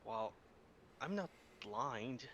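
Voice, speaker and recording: Man as devout mortal warrior for tabletop game; formal, measured phrasing, faint background noise. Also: medium pitch, lively intonation, a bit bright, dull audio. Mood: dry, proud. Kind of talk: tabletop role-play in character.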